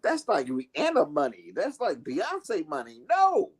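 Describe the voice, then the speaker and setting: Male co-host, lively and unhurried, jokey hot takes. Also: high voice, slightly rough. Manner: animated, emphatic, joking. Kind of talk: casual opinionated chat.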